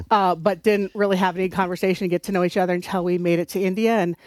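A woman's voice: lowish voice, steady tone, fast talker, darkish tone, no echo. A woman from North Dakota with a slight, mixed North Dakota accent, speaking conversationally as a radio interview guest. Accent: North Dakota, mixed with other areas. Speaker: radio show guest, resource center director.

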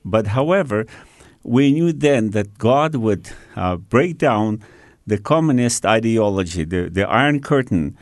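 An older man tells his testimony as an interview guest. He speaks in a measured way, stopping often on "uh". His voice sits fairly low, in a dry, close sound. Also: lively intonation, no echo. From China. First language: Russian. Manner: measured, with frequent "uh" pauses. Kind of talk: personal testimony.

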